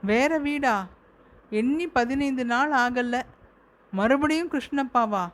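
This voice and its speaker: Woman as irritable husband: slow, sharp questions; storybook reading. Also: high voice.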